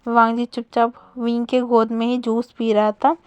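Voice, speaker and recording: A woman's voice: fairly high pitch, monotone, moderate pace, a little mellow, clear, resonant tone, dry recording. A woman casually retelling a fan story in a chatty way, with fillers and self-corrections.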